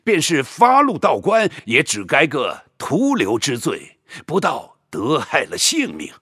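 A man acts out an old village patriarch in an audio drama, speaking slowly with a husky, breathy tone. His voice rises and falls widely as he fusses over his son. The sound is close and dry. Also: a little high, wildly swooping pitch, fairly bright tone, no echo, full character voice. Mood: fatherly. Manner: slow, fatherly, pleading. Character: elderly village patriarch, doting and anxious.

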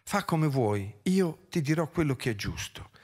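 A man voicing the aged god Zeus on stage, speaking in a quiet, measured and grave way. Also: fairly high pitch, very animated. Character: Zeus, old male king of the gods, calm and grave. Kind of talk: dramatic reading on stage.

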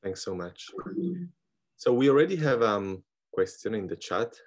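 A man with an Italian accent moderating an academic webinar over a video call, halting and searching for words. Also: on the low side, animated.

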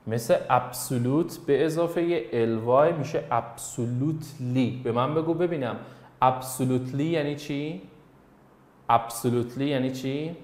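Teaching English to a class in Persian, a man calls on students by name to coax and quiz them. He speaks at an ordinary middle pitch with a darkish tone, in a roomy, echoing space.

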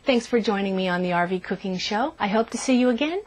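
A woman with a mid-range, expressive voice hosts a cooking show from an RV kitchen and outdoor grill, talking fast as she walks through a recipe step by step. She's cheerful and instructive and says "delicious" often, and there's a little hiss or hum in the audio.

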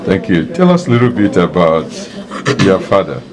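A man interviewing mourners at a church memorial service, chatty, with many quick affirmations and hesitant fillers. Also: sits low, very animated, crowd noise. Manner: warm, chatty, frequent affirmations. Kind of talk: casual interview. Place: church hall.

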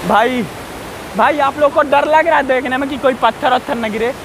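A travel vlogger with a very high voice walks outdoors on a rocky hillside near a waterfall, chatting casually to his viewers and repeating safety warnings. The background is noisy, including the faint rush of the falls.

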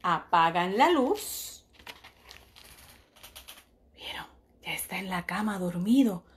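Slow, animated woman reading to kids. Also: fairly low pitch. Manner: animated, exclamations and questions to young listeners; slow and soft at bedtime. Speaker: preschool teacher reading to children. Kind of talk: storybook read-aloud for children.

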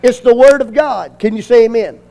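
A pastor, preaching a sermon, repeating phrases and calling on the congregation to answer. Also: male voice, extremely high pitch, normal speed, creaky, warm tone. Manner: call-and-response preaching with repetition and emphasis.

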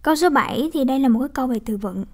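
Young woman teacher, Vietnamese accent, soft warm tone, slightly high voice, explanatory classroom manner. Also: lively intonation, very fast. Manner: explanatory, with frequent tag questions. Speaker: English teacher. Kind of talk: exam walkthrough lesson.

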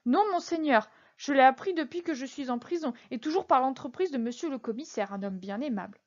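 A timid middle-aged shopkeeper, played by a woman reader stammers in a high, anxious voice, always fawning. The recording sounds dull and lo-fi. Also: a little fast, darkish tone. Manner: stammering, anxious and eager to please.

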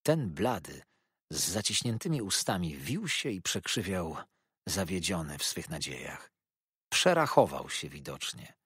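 Male narrator, low husky voice, lively dramatic delivery, dry close mic. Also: a little slow, no echo. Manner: dramatic, animated reading. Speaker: audiobook narrator. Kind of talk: expressive audiobook narration of a classic novel.

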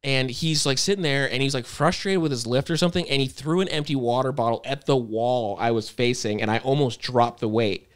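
A man co-hosting a podcast, telling stories in an animated, joking way and swearing casually. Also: medium pitch, a little fast, few pauses, clear, resonant tone. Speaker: podcast co-host. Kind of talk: casual chat.

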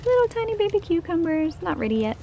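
A young woman with an extremely high, sing-song voice talks fast and chattily as she walks through her backyard vegetable garden, enthusiastically pointing things out. She's filming outdoors on a handheld camera, so the lo-fi audio carries clear background noise.

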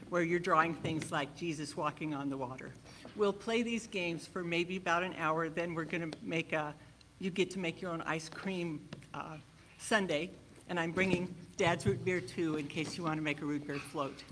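A bubbly woman from the congregation with a bright, clear voice, giving a chatty announcement in church. She corrects herself often and keeps talking warmly, and faint noise sits behind her. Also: fairly low pitch. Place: church sanctuary.

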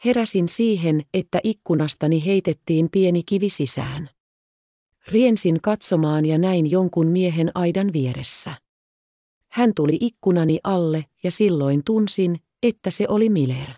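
A defiant young frontier woman, read by a woman narrator. She exclaims urgently in a low, mellow voice. The recording is dry and a little lo-fi. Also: no echo. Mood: breathless, frightened.

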